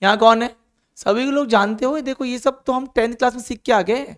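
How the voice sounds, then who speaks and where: A very high male voice, moving a little fast, comes from an Indian-accented chemistry teacher. Encouraging throughout, he runs his students through call-and-response lists over and over.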